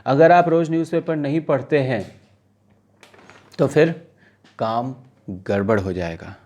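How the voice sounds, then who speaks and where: A man teaches English vocabulary to exam students, reading news lines slowly and then explaining them conversationally with checking questions. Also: medium pitch, darkish tone. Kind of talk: casual classroom-style lesson, mixing Hindi and English.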